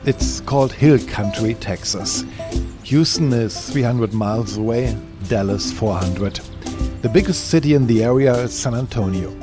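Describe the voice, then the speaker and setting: A man narrating a documentary voice-over in a calm, explanatory way. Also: mid-range voice, moderate pace, loud music behind the voice.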